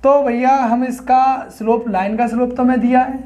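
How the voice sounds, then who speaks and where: High-pitched math teacher explaining. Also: male voice, little pitch movement, moderate pace, darkish tone. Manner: explains step by step, asks students questions. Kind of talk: classroom math lesson.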